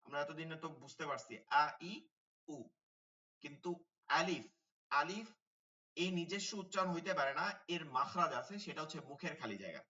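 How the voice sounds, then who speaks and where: Teaching an online Quran class, a man with a bright, sharp, slightly high voice repeats each key term and quizzes his students along the way. He sounds animated, talks at normal speed and pauses often, and the audio is dull, picked up from some distance from the mic.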